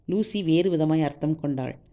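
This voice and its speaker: Low, warm-voiced woman reading a novel. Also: normal speed. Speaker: storyteller. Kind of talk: reading a serialized novel aloud.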